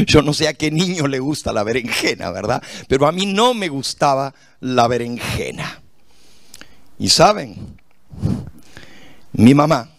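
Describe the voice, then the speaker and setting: A middle-aged pastor with a medium-pitched voice delivers an animated sermon, posing rhetorical questions to the congregation and sharing stories from his own life. There is no echo.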